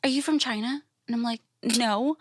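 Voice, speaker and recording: This podcast guest, a Thai woman who teaches and plays classical music, shares candid stories, often saying "like" and performing quoted remarks. She speaks at normal speed in a fairly high voice, with clean studio sound and no room echo.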